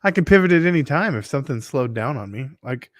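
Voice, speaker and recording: A man's voice: medium pitch, expressive, fast talker, dry recording. A man chatting casually as a co-host in a matter-of-fact, plain-spoken way. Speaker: podcast co-host, working photographer. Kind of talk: casual chat.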